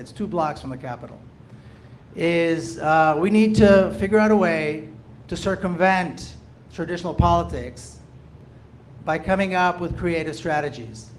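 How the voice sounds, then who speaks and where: A man from Jerusalem rises to speak, earnest and emphatic, circling back to repeat his key phrases. His voice sits a touch high for a man. Faint background noise runs under the recording. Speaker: audience member, activist. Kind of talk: impassioned public comment.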